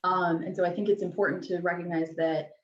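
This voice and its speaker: A woman's voice: on the low side, little pitch movement, brisk. Distant, roomy-sounding woman moderating a webinar. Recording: dull, roomy, distant mic.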